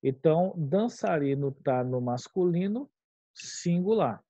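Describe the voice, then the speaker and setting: Speaking slowly and with animation, a man whose voice is a little high and warm guides his class through a grammar exercise in a Brazilian Portuguese accent. He explains patiently, pausing to check in with "tá?" and "tudo bem?", and the dull lo-fi audio carries no room sound.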